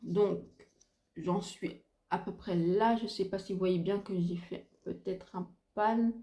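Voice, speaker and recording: Middle-aged woman, mellow voice, chatty home beauty vlog, gushing with fillers and repeats. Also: mid-range voice, steady tone, slow pace, reverberant. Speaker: beauty vlogger. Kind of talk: casual makeup review chat. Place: home room by a window, ring light. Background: faint sounds of kids gaming and neighbour's renovation.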